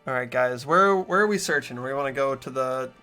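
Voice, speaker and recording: Over soft background music, a young man with a medium-pitched voice talks briskly in a pushed, bright way. He's the host and lead reader of a game playthrough, combining voiced story narration with casual chat.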